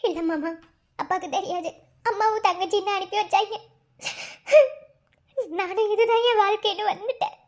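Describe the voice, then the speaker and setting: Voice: fairly even intonation, moderate pace, pauses often. A voice actor playing a young village woman in a cartoon, pleading through tears in a Madurai Tamil accent. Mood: tearful. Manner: tearful, pleading, high and thin. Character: young village woman begging to wed her love. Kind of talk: cartoon voice acting.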